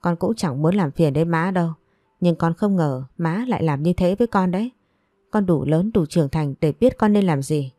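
A woman's voice: fairly low pitch, moderate pace, dark tone, no room sound, clean studio sound, natural voice. A woman voicing an angry young man, the son of a rich house, talking in an indignant, pressing way.

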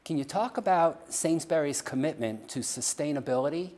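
A man hosting a corporate video interview, reading smooth scripted questions in a polished way. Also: a little high, lively intonation, normal speed, darkish tone. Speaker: interview host. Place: studio.

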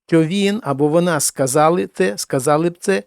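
A man teaching Spanish grammar in a slow, careful way, repeating example forms and switching between two languages. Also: fairly high pitch, gravelly, dry recording, clean studio sound. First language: Ukrainian. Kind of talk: explaining grammar with spoken examples.

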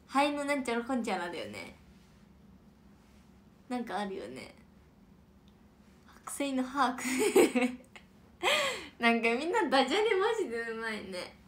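A young woman with a fairly high voice hosts a casual livestream, reading viewer comments aloud. She's chatty and playful, slipping in soft whispered asides.

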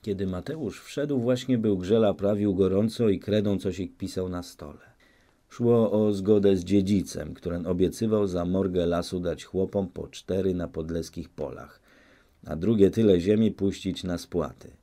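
A man narrating a classic novel as an audiobook, in a steady, measured reading. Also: sits low.

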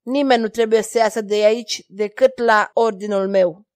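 A woman reading a grave, steady young knight. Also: mid-range voice, natural voice. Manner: grave, measured tone. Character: young male knight, calm, grave and loyal.

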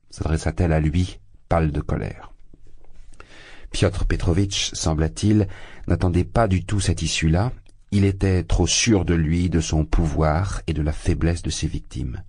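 A man narrating a classic novel as an audiobook in a measured, steady manner. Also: deep voice, husky, dry recording. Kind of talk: literary audiobook reading.

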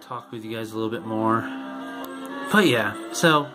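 A young man hosting his channel, chatting casually and haltingly at home while records play. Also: lowish voice, rough recording. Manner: rambling, halting, with frequent restarts. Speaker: channel host. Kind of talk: casual commentary over vinyl record playback. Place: home room. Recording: music playing loudly behind the voice.

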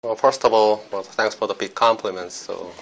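A man in his forties speaks as a spine surgeon in his office, answering an interviewer. His voice is very low, and he searches for words with frequent fillers. A faint hiss sits under the recording. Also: steady tone, normal speed, poor audio. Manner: hesitant, many fillers, searching phrasing. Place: doctor's office, indoors.

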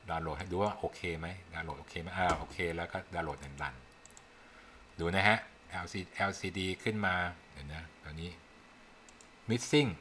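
Chatty low-voiced man teaching code. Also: sharp tone, slight background noise. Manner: chatty, coaxing, thinks aloud while typing. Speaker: programming instructor. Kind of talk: casual screen-recorded coding tutorial.

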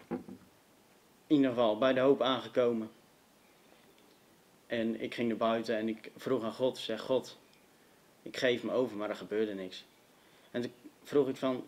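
Young man, earnest and emphatic, sharing his testimony with a youth audience. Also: lowish voice. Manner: earnest, emphatic, direct address to listeners. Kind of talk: personal testimony to a youth meeting.

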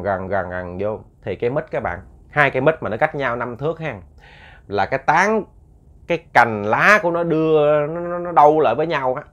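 A man telling a ghost story in a casual, animated way, repeating words for suspense and talking to his listeners. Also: medium pitch. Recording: muffled lo-fi recording.

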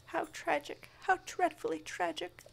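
A woman's voice: very high-pitched, little pitch movement, a little slow, gravelly, slight background noise, voice pushed up, heavily acted. A woman voicing a great fairy, a female spirit who is dramatic and pleading, with a theatrical delivery. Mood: mournful.

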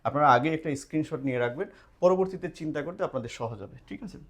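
A man's voice: a little high, expressive, very fast. A man teaching casually at a board, explaining step by step and checking in often with his listeners. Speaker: language teacher. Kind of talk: casual spoken lesson at a board. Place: indoors, classroom or study room at a board. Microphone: camera mic while writing on a board.

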